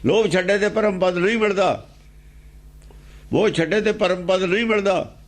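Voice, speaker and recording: Here the religious teacher, who has a Punjabi accent, keeps a steady tone and moderate pace in a high-pitched voice. He explains scripture by repeating key phrases and raising rhetorical questions.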